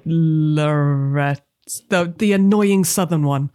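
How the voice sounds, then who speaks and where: Lower-voiced woman playing a tabletop game. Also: slow, warm tone. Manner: hesitant, with many uh's and restarts. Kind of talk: in-character play, casual.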